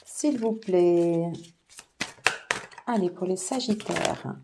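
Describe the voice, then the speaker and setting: A woman giving a casual tarot reading to her viewers, soft-spoken and peppered with fillers like "voilà" and "alors". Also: on the low side, very slow, heavy background noise. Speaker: tarot reader.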